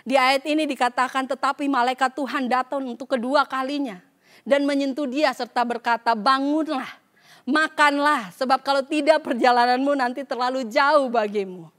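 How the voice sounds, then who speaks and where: A woman's voice: sits high, steady tone, normal speed, fairly bright tone. A woman pastor preaching a sermon at a church service. She drops English phrases into her talk and acts out the voices in the scripture she reads.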